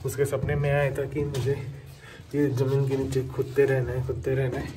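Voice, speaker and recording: A travel vlogger in his thirties chats casually to a phone camera held at arm's length, explaining the sights around him with plenty of fillers. His mid-range voice is monotone at a normal speed over a noisy background. He starts outdoors by a lake, then moves into an underground cave museum.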